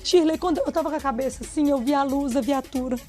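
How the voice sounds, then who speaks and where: A woman in her thirties with a high, darkly mellow voice gives a TV interview, retelling a frightening escape and acting out each person's words. Faint music plays underneath. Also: quick pace. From Brazil. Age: 30s. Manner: urgent retelling, acting out quoted dialogue. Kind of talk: emotional testimony in a TV interview.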